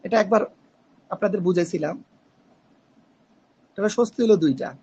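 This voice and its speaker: A woman's voice: medium pitch, normal speed, dark tone, breathy edge. A woman from Bangladesh, teaching an online grammar class. She explains step by step, repeats key phrases and mixes in English grammar terms. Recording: dull lo-fi recording.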